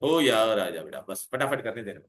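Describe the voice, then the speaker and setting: Coaxing chemistry teacher, echoey room. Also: male voice, fairly low pitch, lively intonation, moderate pace. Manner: coaxing, calls students "beta", quizzes them constantly. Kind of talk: revision lecture to students.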